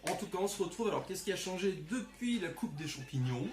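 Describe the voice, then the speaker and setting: A man's voice: sits high, lively intonation, fairly quick. A man with a southern French accent running a casual cooking tutorial, cracking crude jokes and tagging his sentences with "hein" as he talks straight to the viewer. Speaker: home cook presenting a recipe. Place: home kitchen. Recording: echoey kitchen with music behind.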